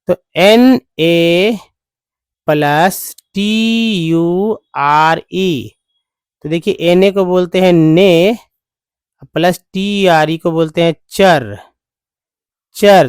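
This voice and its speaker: Male tutor for beginners, drawn-out teaching delivery, smooth voice, dry close mic. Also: sits high, no echo. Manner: drawn-out, repeating each word for the learner. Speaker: English teacher. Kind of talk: slow spelling-out lesson.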